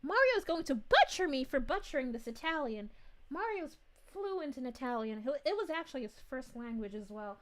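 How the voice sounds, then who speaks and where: A woman's voice: high voice, very animated, moderate pace, fairly bright tone. A woman voicing a sweet, bubbly young princess, reading chat live in character and giggling often. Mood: chatty. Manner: giggly, gushing, chatty.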